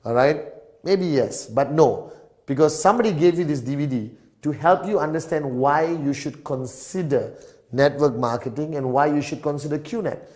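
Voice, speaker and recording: A man's voice: fairly high pitch, moderate pace, a little mellow. A middle-aged man from Malaysia, giving a whiteboard business lecture and stressing each point with a checking "all right?". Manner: emphatic, punctuates every point with "all right?". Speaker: business presenter.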